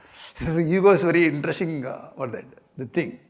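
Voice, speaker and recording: A man with a South Indian accent giving an informal scripture lecture, speaking in an animated, humorous way and repeating key phrases. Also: on the high side, moderate pace. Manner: animated, repeats phrases, light chuckling humour.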